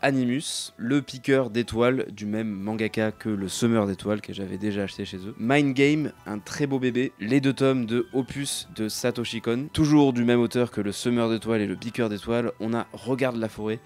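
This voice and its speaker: A man's voice: medium pitch, normal speed, few pauses, darkish tone. A man hosting a casual, chatty vlog, talking informally to his viewers. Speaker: host of a manga haul video. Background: background music.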